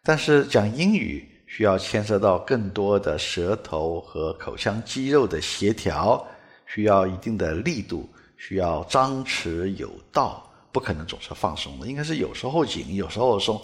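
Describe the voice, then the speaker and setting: Male pronunciation tutor, native Mandarin speaker from China, fairly low voice, animated delivery, demonstrates sounds with exaggerated repeats. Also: moderate pace. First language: Mandarin Chinese. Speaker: English pronunciation teacher. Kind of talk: spoken lesson with demonstrations.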